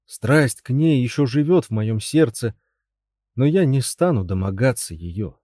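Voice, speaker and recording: Figure: gloomy self-loathing knight, voiced by a man. Tone: dark. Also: medium pitch, animated, a little slow, no room sound, clean studio sound. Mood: glum. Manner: glum, plain-spoken. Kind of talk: audiobook character voice.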